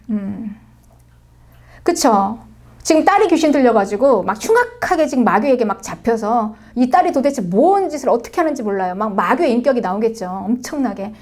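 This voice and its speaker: Woman pastor, Seoul accent, high voice, dramatic sermon, soft murmurs and raised cries. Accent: Seoul Korean. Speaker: senior pastor.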